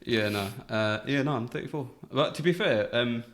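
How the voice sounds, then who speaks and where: A man's voice: mid-range voice, expressive, moderate pace, fairly bright tone, slight background noise. Joking man in his thirties. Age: 30s. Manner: jokey, teasing, chatty. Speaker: podcast co-host. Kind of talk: casual chat.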